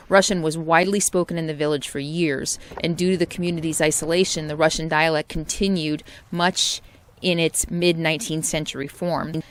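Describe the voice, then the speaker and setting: A woman RV vlogger talking casually to camera outdoors, chatting and reading out local history with small stumbles. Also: low-pitched. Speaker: RV travel vlogger. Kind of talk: casual travel vlog narration.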